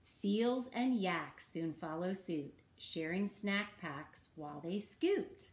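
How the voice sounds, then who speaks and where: A woman reading a rhyming picture book aloud for children in a slow, rhythmic sing-song. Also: fairly low pitch. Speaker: children's story reader. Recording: roomy echo.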